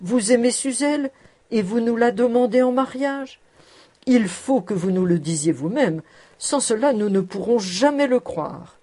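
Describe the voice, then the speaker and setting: A woman's voice: a little high, expressive, a little slow, dark tone, pitched above the performer's own voice. A woman reading the lines of a humble old male farmer, speaking earnestly and pleadingly. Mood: astonished.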